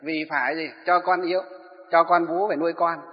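A high-pitched man tells a Buddhist tale as a sermon. He keeps asking his listeners rhetorical questions and then answers them. The recording is dull and lo-fi, with a long echo from a large hall. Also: fairly even intonation, a little fast. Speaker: Buddhist preacher. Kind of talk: sermon storytelling. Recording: echoey hall, dull lo-fi sound.

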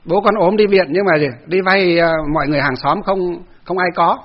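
Monk giving a talk; high male voice, chatty and full of fillers, dull lo-fi recording. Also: brisk. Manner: chatty storytelling, many fillers, acts out quarrels. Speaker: Buddhist monk. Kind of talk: dharma talk with personal story.

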